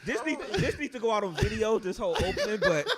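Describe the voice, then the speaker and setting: A man co-hosting a podcast, reacting with animated, exasperated laughter and banter. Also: sits high, fast, a loud crowd. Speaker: podcast co-host. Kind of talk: casual live podcast banter.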